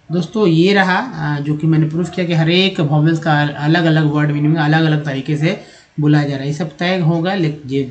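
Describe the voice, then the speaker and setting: A man teaching English vocabulary and pronunciation in a YouTube lesson, spelling words out letter by letter and repeating them patiently. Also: fairly high pitch. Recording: lo-fi, dull sound.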